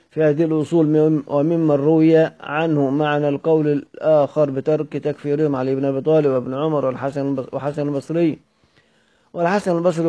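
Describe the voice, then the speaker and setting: A man teaching from a classical book, reading it aloud in a measured way and going back to repeat or correct words. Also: a little high, mellow. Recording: dull lo-fi recording.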